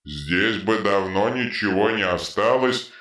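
A man voicing a huge troll who has suddenly become clever, speaking in slow, measured, pedantic phrases. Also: fairly low pitch, animated, a bit bright, reverberant. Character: huge male troll, suddenly brainy and precise.

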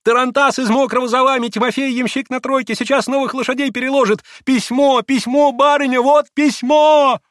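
A man voicing an excited young female servant who exclaims breathlessly and shrilly. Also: very high voice, moderate pace, hardly any pauses, no room sound, clean studio sound, voice pushed up.

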